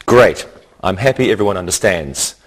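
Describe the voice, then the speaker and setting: Delivering a scripted English grammar lesson, a low-pitched man uses lively intonation. His manner is careful and instructive, breaking every point into brief phrases.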